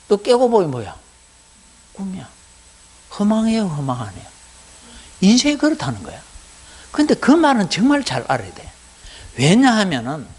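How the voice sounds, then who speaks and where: A middle-aged man with a Gyeongsang Korean accent lectures on Buddhism to lay students, pitched high for a man. His voice swings widely up and down as he fires rhetorical questions at the class. The delivery stays lively and conversational. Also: creaky. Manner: animated, keeps asking the class rhetorical questions.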